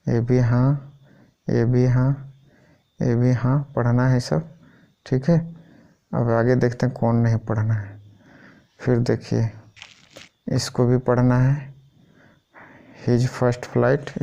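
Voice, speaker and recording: Man, teacher going through a syllabus, flat steady voice, unhurried, keeps checking in. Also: mid-range voice, creaky, highs cut off. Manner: keeps repeating "thik hai" as a check-in. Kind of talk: informal explainer going through a list.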